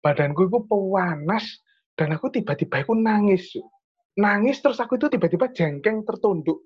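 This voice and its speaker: A man's voice: high voice, animated, a little fast, slightly rough, highs cut off. A young man with an East Javanese accent tells a personal story in casual chat, earnest and rambling. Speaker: storyteller sharing a testimony.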